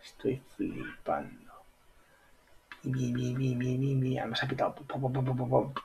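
A man giving casual gameplay commentary, excitable, repeating exclamations and squealing high when amazed. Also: fairly quick, vocal fry, a little hiss or hum. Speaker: gaming YouTuber.

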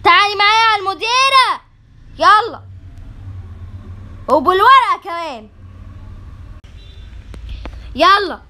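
A woman with an Egyptian Arabic accent voicing a stern female schoolteacher who scolds and gives orders in an animated doll-game story. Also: very high-pitched, unhurried, long pauses, heavily acted. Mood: scolding. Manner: scolding and commanding. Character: stern adult female schoolteacher, quick to accuse.

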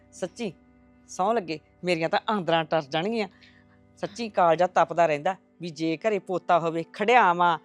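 An actress playing a stubborn mother-in-law who wants a grandson, with a loud scolding Punjabi way of talking. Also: medium pitch, dry recording, lightly acted. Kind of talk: village family drama acting.

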